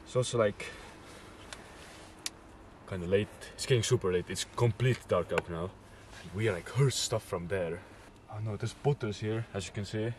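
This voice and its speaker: A man's voice: on the low side, moderate pace, darkish tone. A young man chatting casually to the camera as a vlogger. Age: young adult, about late teens. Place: small wooden shed attic at night. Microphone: camera a short distance away. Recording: noisy, distant camera microphone.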